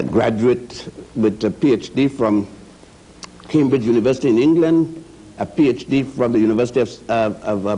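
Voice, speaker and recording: Man from Puerto Rico, TV guest historian, mellow, husky, emphatic lecture delivery. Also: mid-range voice, low-quality recording. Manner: emphatic lecturing, spells out words. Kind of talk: TV studio discussion. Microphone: studio mic.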